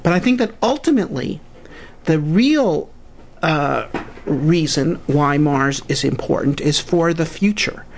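A man with a Brooklyn New York accent, speaking as an expert guest in a radio interview, halting but earnest. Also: a little high, animated, creaky, slight background noise. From United States. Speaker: guest expert, society president.

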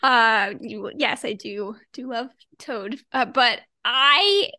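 A woman's voice: fairly high pitch, takes it slowly, sharp tone, dry recording, studio quality. A woman co-hosting a podcast in casual chat, leading the conversation with a chatty, laughing manner. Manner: chatty, leads the topic with frequent laughs. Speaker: podcast co-host.

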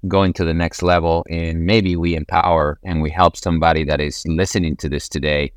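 A man from Ecuador speaks in an earnest, motivational tone. His low voice is smooth and resonant. The recording is close and dry, with no room echo. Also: flat delivery, a little fast. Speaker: podcast guest, real estate investor. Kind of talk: motivational interview talk.

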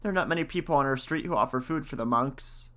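A man's voice: medium pitch, fast talker, fairly bright tone, natural voice. A man voicing a worried, devout old woman who pleads anxiously with her husband in a storybook reading.

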